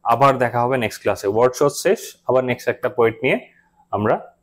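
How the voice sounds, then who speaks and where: A man's voice: medium pitch, quick pace. A man teaching an exam-prep class, speaking straight to the students and mixing in English phrases. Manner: addresses students directly, mixes in English phrases.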